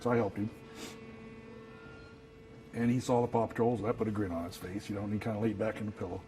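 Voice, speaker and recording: A man, telling his story in an interview in a halting, soft-spoken way, filling his talk with "you know.". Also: lowish voice, little pitch movement, rough recording. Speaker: actor who works as Santa, telling his story.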